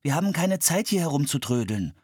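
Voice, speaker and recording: A man doing a worried, hurried boy. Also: fairly high pitch, sing-song, darkish tone, breathy edge, no room sound, studio quality, voice pushed up. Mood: urgent. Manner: urgent, stammering.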